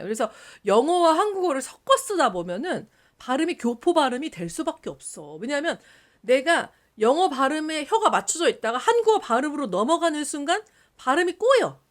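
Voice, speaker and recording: Korean-speaking teacher lady, high voice that jumps all over, chatty, sounds out words as she explains. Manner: lively, switches between polite and casual speech, demonstrates words aloud. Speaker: English teacher. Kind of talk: casual video lesson.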